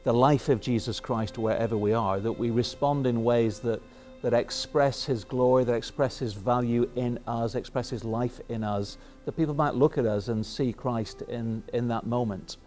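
A man speaking fervently in a documentary interview, with halting restarts. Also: mid-range voice, darkish tone, soft background music.

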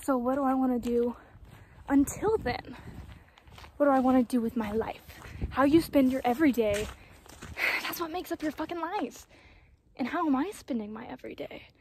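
In reflective vlog talk, a woman of twenty thinks out loud in a dry mountain meadow, self-deprecating, rambling and cursing a lot into a phone first held at arm's length, then set on the ground. She speaks at a moderate pace with frequent pauses, her high voice a little mellow, with a slight hiss or hum.

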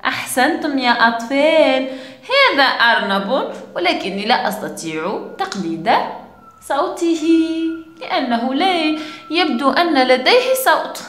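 A woman leads a children's lesson in an animated, sing-song manner. Her voice is high and swings widely in pitch. The recording sounds echoey. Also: unhurried. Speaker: teacher.

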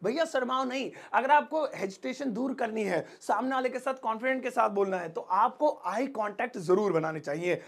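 A man with a Hindi accent teaching spoken English in a fast, joking way, often acting out sample lines. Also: sits high, vocal fry. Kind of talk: energetic spoken-English lesson.

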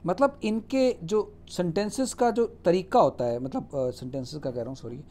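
In Hindi, a man teaches the rules of English spelling, his voice mellow and a little high. He slowly reads each English rule aloud and then explains it in Hindi, spelling out words letter by letter and pausing to ask "ठीक है?"

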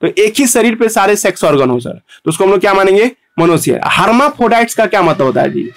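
A man teaches an online biology lesson in a rather high voice. He drills each term over and over. He tags nearly every line with a quick "है ना" and stops now and then to tidy his board. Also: expressive. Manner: repetitive, tags lines with "है ना"; pauses to fix board writing. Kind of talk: online class lecture.

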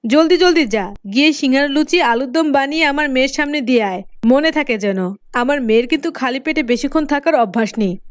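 A woman voicing a cruel, scolding middle-aged stepmother in a cartoon, talking with sharp sneers. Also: high-pitched, lively intonation, brisk, no room sound, studio quality. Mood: scolding, spiteful. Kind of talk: cartoon voice acting.

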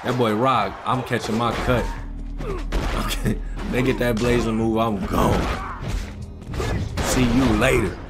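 Over background music, a young man hosting gaming videos gives slangy, conversational reaction commentary and speaks to his chat. His mid-range voice keeps a fairly even intonation, and he goes unhurriedly, pausing often.

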